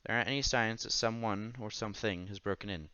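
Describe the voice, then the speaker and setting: Reading a visual novel aloud as a streamer, a man breaks from the narration for casual reactions, with game music running under his voice. His fairly low voice is bright and forceful, fast, and fairly even in intonation. The tone is clean, with no room sound and the highs cut off.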